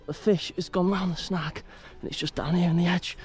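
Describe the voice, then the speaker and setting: A fairly high-voiced man talks in casual, excitable bursts, calling out to his fishing mate. He is recorded outdoors at a lakeside. Light music sits faintly underneath. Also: a little fast. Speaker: angler. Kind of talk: casual live chat while fishing.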